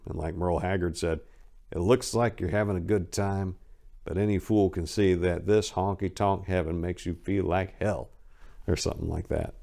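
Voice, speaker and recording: Speaking low with vocal fry, a male host performs an expressive, memoir-like dramatic reading that alternates between emphasis and hushed tones.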